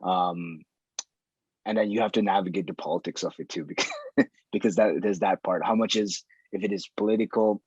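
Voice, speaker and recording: A man's voice: low voice, fairly even intonation, brisk, a little mellow, slightly rough, no room sound, muffled recording. A man in casual conversation, thinking aloud and circling back on his phrases.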